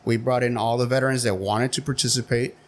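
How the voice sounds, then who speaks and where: A man's voice: medium pitch, steady tone, fast talker, a little hiss or hum. A man in his forties speaking as a podcast guest, telling his story in a frank, candid way with plenty of fillers. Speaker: podcast guest, city council member. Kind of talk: casual interview chat.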